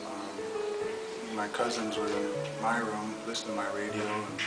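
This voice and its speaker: Hesitant young man over loud music. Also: on the low side, flat delivery, measured pace. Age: 20s. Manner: hesitant, many ums. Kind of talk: personal testimony. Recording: roomy, distant mic with loud music.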